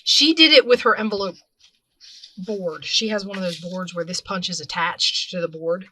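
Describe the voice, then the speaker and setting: A woman with a bright, clear voice talks viewers through a hands-on craft tutorial in a relaxed, chatty way. She narrates while her hands stay busy and often stops to rephrase or correct herself mid-sentence. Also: on the low side, moderate pace. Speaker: craft video host.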